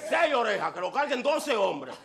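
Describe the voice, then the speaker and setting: A man's voice: extremely high pitch, very animated, normal speed, fairly bright tone. A man doing a boisterous stand-up comedy monologue, full of exaggeration and punchy repeated lines. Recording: live show with audience laughter.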